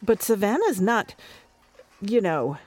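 A woman's voice: medium pitch, big pitch swings, takes it slowly, a little mellow. A woman playing a prim, weary mother who coaxes her difficult daughter with patient, careful talk.

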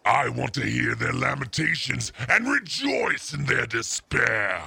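Lochnar, a man doing a gravelly grandiose demon. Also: mid-range voice, sing-song, unhurried, pushed and bright, full character voice. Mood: menacing. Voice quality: gravelly and raspy. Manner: grandiose, menacing proclamations. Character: boastful demon possessing a young girl.

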